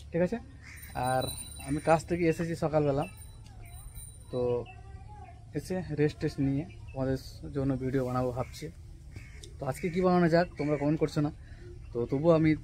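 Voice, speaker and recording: Man slowly teaching words, rooftop vlog. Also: a little high, darkish tone, slight background noise. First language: Santali. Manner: slow, drawn-out repetition of taught words, often asking "right?". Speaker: language teacher vlogger. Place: rooftop outdoors on a cloudy day.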